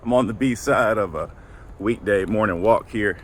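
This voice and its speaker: A man's voice: lowish voice, normal speed, a little hiss or hum. Out-of-breath man vlogging on a walk. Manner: breathy, sighing between phrases while walking. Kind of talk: casual walk-and-talk vlog.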